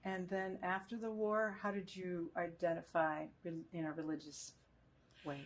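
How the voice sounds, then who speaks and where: Woman interviewer, measured and formal, oral-history questions. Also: lowish voice, flat delivery.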